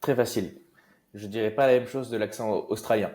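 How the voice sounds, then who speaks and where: A young man from Marseille talks through his story as an interview guest. His voice sits low, and he speaks loosely, pausing on fillers and restarting his sentences. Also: fairly even intonation, background noise. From Marseille, France. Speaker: guest investor. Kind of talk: casual interview talk.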